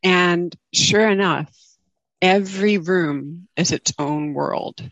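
A woman speaks slowly as a meditation teacher, in a close, dry recording. Her delivery is gentle and reflective, with a halting, informal flow as she addresses her group. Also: fairly low pitch, no room sound, muffled recording. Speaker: meditation teacher giving a talk. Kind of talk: informal dharma talk. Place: online group video call.

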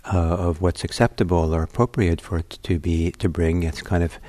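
Brief: deep-voiced man, meditation teacher streaming a talk, dry close sound, easygoing and slow to find words. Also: flat delivery, no echo. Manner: gentle, unhurried, many soft fillers. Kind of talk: dharma talk leading into guided meditation. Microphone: computer livestream setup.

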